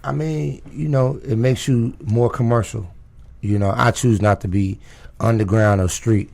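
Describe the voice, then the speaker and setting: A raspy-voiced rapper from Chicago, talking loosely as a guest on a radio interview, full of fillers like "you know" and "um". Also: male voice, medium pitch, steady tone, a little slow, darkish tone. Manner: loose, street-casual talk with many fillers.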